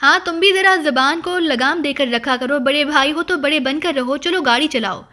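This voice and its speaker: A woman voicing an older mother who is quick to anger, speaking in a raised, sharp, scolding way. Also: sits high.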